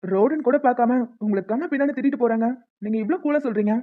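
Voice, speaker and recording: A woman's voice: fairly high pitch, close to an everyday voice. A woman voicing a confident young man who speaks frankly as a suitor in a cartoon. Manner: direct, quick, frank. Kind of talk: cartoon voice acting. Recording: dull lo-fi sound with faint music.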